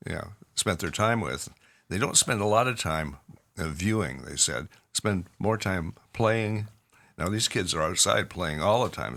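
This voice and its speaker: Deep-voiced Canadian man, halting chat. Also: sharp tone. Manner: halting, with many fillers. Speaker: podcast co-host, clinician. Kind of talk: casual podcast chat.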